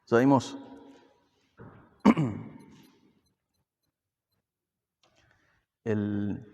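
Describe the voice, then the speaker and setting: A man's voice: medium pitch, gravelly, long reverb tail. A man with an Argentine accent preaching an expository sermon in a conversational way, often putting questions to the congregation. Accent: Argentine Spanish. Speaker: pastor. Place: church hall.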